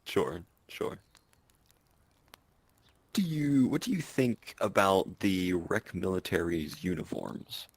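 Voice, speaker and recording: A man hosts an interview with a very low voice. He asks brief, plain questions. He answers the guest with short acknowledgments. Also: very animated, takes it slowly, pauses often, breathy edge. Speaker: interviewer, host.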